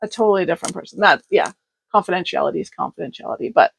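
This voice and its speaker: A woman's voice: on the low side, rapid-fire, creaky, husky. A woman co-hosting a podcast, telling candid personal stories in a blunt way and often laughing as she talks. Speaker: podcast co-host. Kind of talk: candid conversational storytelling.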